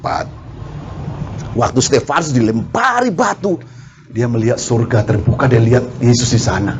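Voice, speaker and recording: A man's voice: medium pitch, expressive, highs cut off, slight background noise. A male preacher, delivering a sermon and firing questions at the congregation. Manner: asks the congregation questions, quick laughs, acts out quarrels. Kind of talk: lively sermon.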